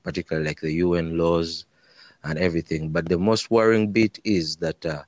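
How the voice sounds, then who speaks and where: A man with a Ugandan East African accent answering interview questions in a measured, hesitant way, often repeating words. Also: low voice, steady tone, no room sound. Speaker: interview guest, human rights lawyer.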